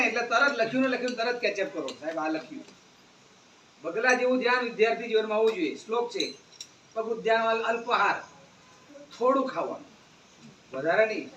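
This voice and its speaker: Brief: male speaker, animated school talk that quizzes the kids; distant mic with faint background ambience. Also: sits high, reverberant, highs cut off, slight background noise. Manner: animated, asks the children questions. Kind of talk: moral talk to students. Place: school gathering.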